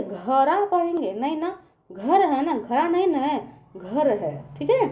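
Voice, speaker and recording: High-voiced woman teaching children. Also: warm tone. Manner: patient, repeats "ठीक है" and asks the children questions. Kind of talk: online lesson for children.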